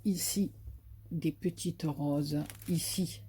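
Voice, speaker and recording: A low, steady, warm female voice speaks slowly over slight background noise. The craft vlogger, who has a Marseille accent from southern France, chats casually in her haul video, hesitant and full of fillers, enthusiastic about the paper designs she shows.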